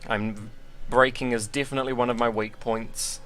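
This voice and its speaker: A man's voice: mid-range voice, flat delivery, moderate pace, pushed and bright. A man giving casual, rambling and self-deprecating commentary while sim racing.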